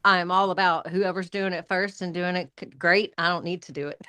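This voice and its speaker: Woman, very low voice, eager quick bursts, dry close sound. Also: animated, sharp tone, smooth, dry recording. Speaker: product formulator, live viewer. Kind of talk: casual interview chat.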